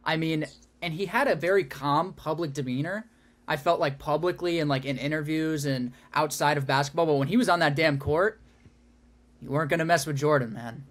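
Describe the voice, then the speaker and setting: A young man co-hosting a casual sports podcast, getting excited as he talks. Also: a little high, brisk. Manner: excitable, builds up energy in stories. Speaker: podcast co-host.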